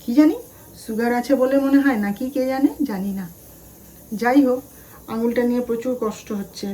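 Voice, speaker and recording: A woman's voice: on the high side, darkish tone. A middle-aged woman chatting to her viewers in a homely family vlog, telling stories from her kitchen. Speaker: family vlogger. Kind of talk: casual home vlog chat. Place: home kitchen. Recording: slightly distant mic, faint room noise.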